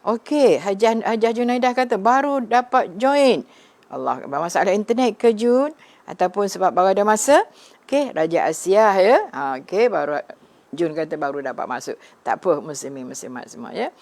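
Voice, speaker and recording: A middle-aged woman religious teacher giving a gentle, conversational live online talk, often addressing her listeners directly. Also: medium pitch, expressive, moderate pace.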